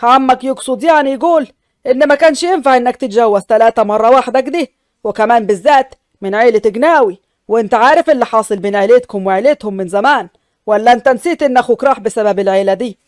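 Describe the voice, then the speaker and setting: A woman voicing a calm older man, a peacemaking elder, with an Upper Egyptian accent and a pleading way of talking. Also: on the high side, quick pace, dry recording, studio quality, voice pushed down, lightly acted.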